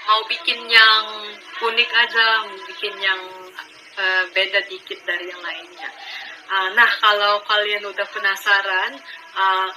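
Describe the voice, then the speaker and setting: A woman's voice: medium pitch, sharp tone, slight background noise, low-quality recording. A young Filipino woman with a Filipino accent, a foreigner speaking fluent colloquial Indonesian in a casual vlog style. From Philippines. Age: young adult. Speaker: language student making videos.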